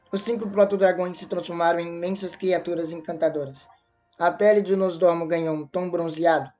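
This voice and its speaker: Woman narrator, lowish voice, stumbles and restarts now and then, dull recording. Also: mellow. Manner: reads with small slips and restarts. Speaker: lore narrator. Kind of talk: storytelling narration. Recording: dull lo-fi voice with faint music.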